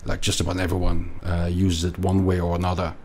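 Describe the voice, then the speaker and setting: In a conversational interview, a middle-aged Belgian finance guest explains his points in a low, monotone, darkish voice at a brisk pace, with a little hiss or hum. He has a Belgian accent and often repeats words and starts sentences over.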